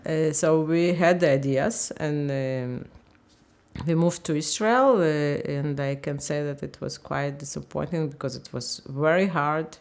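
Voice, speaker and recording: A woman in her fifties from Ukraine, speaking English, talks haltingly in a candid interview and often searches for words. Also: low voice, darkish tone. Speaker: interviewee, language teacher.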